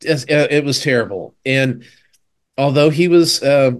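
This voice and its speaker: Guy rambling about tv shows on a podcast, lots of ums, middle pitch voice. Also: a little slow. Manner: rambling, lots of fillers, animated retelling. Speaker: podcast co-host. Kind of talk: casual chat about TV shows.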